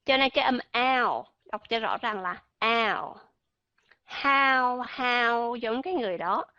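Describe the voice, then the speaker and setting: A woman leads an online pronunciation lesson. Her voice sits fairly high, and she explains patiently, repeating and drawing out example sounds. The sound is dry and a little muffled. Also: animated, unhurried, sharp tone, dry recording. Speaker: pronunciation teacher.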